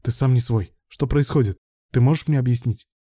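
Hurt, pleading male doctor in an audiobook, read by a male narrator; dark and dry. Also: mid-range voice, a little fast, breathy edge, no room sound, lightly acted. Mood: worried, indignant.

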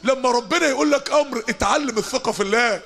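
A man with an Egyptian Arabic accent delivers an impassioned sermon at a quick clip. His voice sits very high for a man, and he drives his points home with emphatic force. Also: vocal fry, fairly bright tone. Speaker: preacher.

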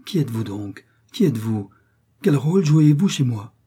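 A man doing an earnest, wealthy gentleman. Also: mid-range voice, big pitch swings, normal speed, slightly rough. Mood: alarmed. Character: rich, kind-hearted gentleman, easily astonished.

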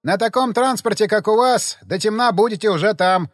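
A man's voice: high voice, moderate pace, no echo, clean studio sound, pitched above the performer's own voice. A man voicing a blunt, wary male villager who speaks in a folksy, urgent way.

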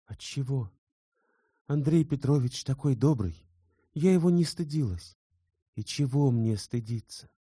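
A man's voice: medium pitch, a little slow, pauses often, warm tone, husky, dry recording, clean studio sound, pitched above the performer's own voice. A man voicing a devoted young woman. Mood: tender. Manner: tender, heartfelt reading. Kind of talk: audiobook character voice.

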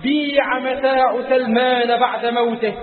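A man's voice: very high voice, fairly even intonation, a little slow. A man with an Egyptian accent preaching an impassioned Friday sermon in a mosque, chanting and repeating phrases. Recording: echoey hall, tinny lo-fi.

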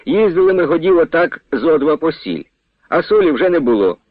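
A man's voice: fairly high pitch, big pitch swings, a little fast, no room sound, voice pushed up. A man reading the lines of an old village peasant who tells a homely story. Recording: tinny phone-like radio sound.

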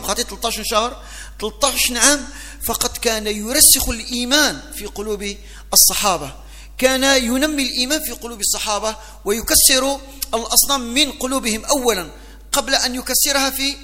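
A man's voice: very high-pitched, pushed and bright. A man with a North African accent teaching a religious lesson as a mosque preacher, switching between Arabic and local vernacular. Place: large mosque hall. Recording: long hall reverb.

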